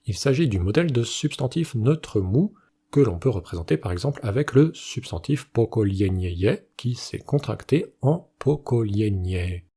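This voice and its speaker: A man, the channel's host, reading a scripted educational narration in a measured, explanatory way. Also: medium pitch, lively intonation, warm tone, slightly rough.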